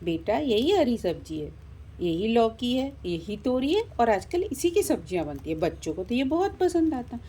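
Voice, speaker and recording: A woman's voice: a little high, very animated, normal speed, dark tone, slight background noise. A woman voicing a pushy middle-aged female vegetable seller in a doll story, hawking in a sing-song and scolding a child.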